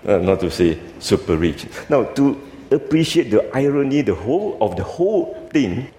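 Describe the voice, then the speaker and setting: Preaching in English at a church camp, a man with a Malaysian accent stays informal, attaching particles like "you see" and "lah" to his sentences. His mid-range voice is warm, moves at a moderate pace and swings widely in pitch. The hall echoes and the room sound is noisy.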